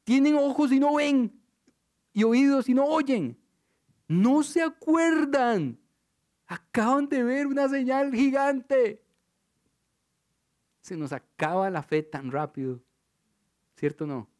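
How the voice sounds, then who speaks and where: A man with a Costa Rican accent preaching a sermon, telling stories and asking rhetorical questions, moving between loud and hushed delivery. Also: very high-pitched, expressive, slow pace, pauses often. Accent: Costa Rican Spanish.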